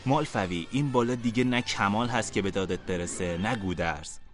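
A man voicing a brave, hot-headed boy wizard who shouts defiantly. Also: lowish voice, faint music behind, natural voice.

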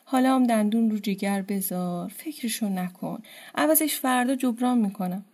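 A woman's voice: medium pitch, a little mellow, natural voice. A woman voicing a poor, weary old male thorn-gatherer who talks in a tired, resigned, plain-spoken way.

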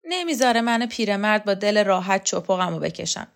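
A woman's voice: mid-range voice, lively intonation, creaky. A woman reader voicing a complaining old man who grumbles about being mistreated. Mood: grumbling.

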